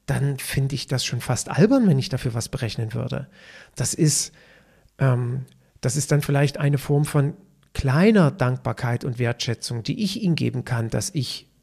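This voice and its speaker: A man's voice: fairly high pitch, vocal fry, husky. A man in his fifties, a personal trainer hosting a podcast, telling a story as a monologue and acting out both sides of a conversation. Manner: lively storyteller acting out dialogue, stammers for effect.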